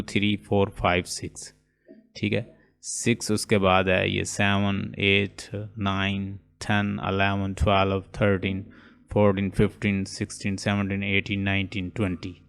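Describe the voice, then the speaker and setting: A man teaching an online phonetics lesson, explaining step by step and slowly drawing out example sounds. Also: lowish voice, smooth. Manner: slow, explaining step by step, mixing English terms into speech; repeats and drawls out example sounds. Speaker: English linguistics teacher. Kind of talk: online lecture.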